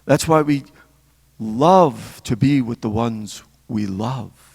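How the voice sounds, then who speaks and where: Older male deacon, reflective spiritual talk; gravelly timbre with hall reverb. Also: mid-range voice, a little mellow. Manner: reflective storytelling, pausing between phrases.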